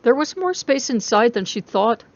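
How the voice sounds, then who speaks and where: A woman's voice: a little high, sing-song, moderate pace, dull audio. A woman narrator giving a dramatic reading of a story.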